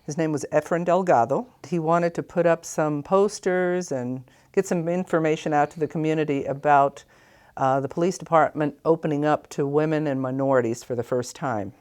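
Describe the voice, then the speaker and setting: An older woman from San Francisco tells how she joined the police, acting out each line of dialogue. Her voice is low and smooth. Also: normal speed, a little mellow. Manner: storytelling, acts out quoted dialogue. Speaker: retired police officer. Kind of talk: documentary interview.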